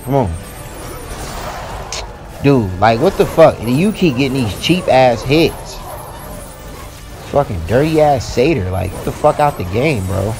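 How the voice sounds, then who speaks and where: A man's voice: medium pitch, lively intonation, takes it slowly, long pauses, music in the background. A young man giving profane, frustrated commentary while playing a video game, his voice jumping up when annoyed. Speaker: gaming YouTuber. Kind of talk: live commentary over gameplay.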